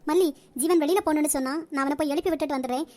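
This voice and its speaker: A woman voicing a kind, caring middle-aged mother in a cartoon, talking in a gentle motherly way. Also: sits high, racing, natural voice.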